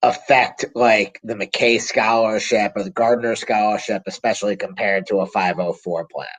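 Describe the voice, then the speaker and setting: A man's voice: lowish voice, steady tone, moderate pace, a bit bright. A man hosting a webinar, asking a guest questions in a friendly, slightly hesitant way. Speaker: webinar host. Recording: dull video call audio.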